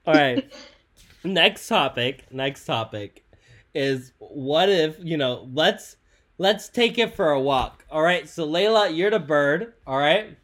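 A young woman hosting a joking podcast chat, loud and bossy, laughing often. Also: low-pitched, lively intonation, slow. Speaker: podcast host.

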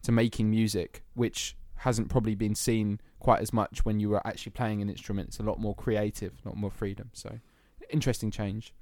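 A man's voice: on the low side, level tone, brisk, hardly any pauses, a little mellow, no room sound, studio quality. A young man from England, chatting casually on a podcast, laughing easily and using plenty of fillers. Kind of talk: casual chat.

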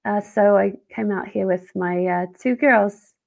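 A woman's voice: medium pitch, unhurried, gravelly, a little mellow. A woman in her thirties with a New Zealand accent, chatting upbeat as an interview guest. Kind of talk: casual interview chat.

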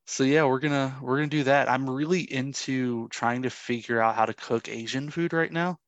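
A man from Florida chats casually on a podcast in an easygoing, rambling way. His voice sits mid-range with a gravelly fry, and the sound is close and dry. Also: mid-range voice, fairly even intonation, moderate pace, dry recording, lo-fi sound. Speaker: podcast co-host. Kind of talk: casual chat.

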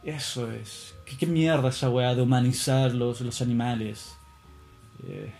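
A man's voice: mid-range voice, gravelly, a little mellow. A man in a casual monologue, rambling and musing with plenty of swearing.

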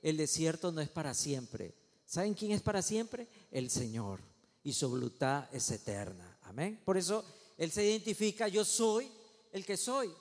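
A male pastor with a high voice preaches a sermon. He swings from ringing, raised calls down to low, hushed passages. His voice carries a long hall reverb. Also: very animated, normal speed.

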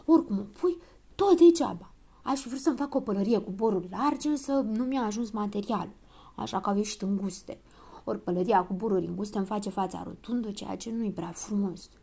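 A woman's voice: mid-range voice, vocal fry, mellow, husky. A woman voicing a vain little girl who complains about her looks in a children's audiobook. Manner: complaining, self-absorbed.

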